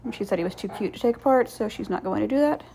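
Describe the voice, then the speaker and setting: A woman hosts a craft video with a creaky, fry-edged voice at an ordinary female pitch. Her commentary is casual and rambling, dryly sarcastic in a playful way and quick to mock herself. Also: dark tone, a little hiss or hum, low-quality recording. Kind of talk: casual voice-over commentary on painting.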